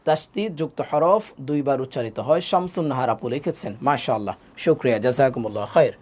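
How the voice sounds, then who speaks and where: A man's voice: medium pitch, darkish tone. A man teaching a live online Quran class, patiently repeating each rule and asking his students questions that he answers himself. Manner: slows to spell out letters and vowel marks.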